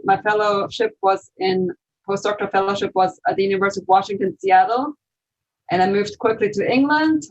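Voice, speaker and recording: A woman from Switzerland speaks as a guest scientist, explaining her research in a fluent, steady way. She talks from an office over a video call, and the audio has a dull, lo-fi quality. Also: mid-range voice.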